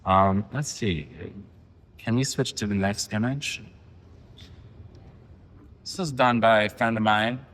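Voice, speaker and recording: A man in his forties giving a poetry reading, with halting, filler-heavy asides between poems. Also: fairly low pitch, a bit bright, long reverb tail, a little hiss or hum. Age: 40s. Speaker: poet. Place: reading venue.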